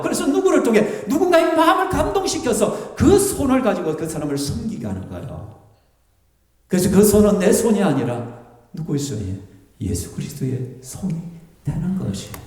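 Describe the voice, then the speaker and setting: A male pastor with a high, very lively voice preaches in a big church hall, his sound mellow and heard from off the mic. The hall rings with long reverb. He acts out weeping prayers and grumbles as he drives home each point. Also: distant mic. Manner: animated preaching, acts out tearful prayers and complaints. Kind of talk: sermon. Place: church sanctuary.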